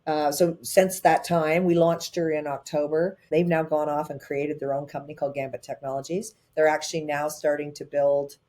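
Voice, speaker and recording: A low-pitched woman, a tech advisor appearing as a guest, tells her story in a lively, conversational way. She's animated and often speeds up in quick bursts, dropping "um" and "uh" between phrases.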